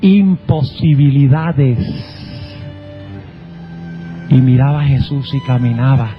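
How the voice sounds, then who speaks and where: A man preaching a sermon as pastor, dramatic and emphatic, slowing down to stress key words. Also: mid-range voice. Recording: dull lo-fi sound with faint music.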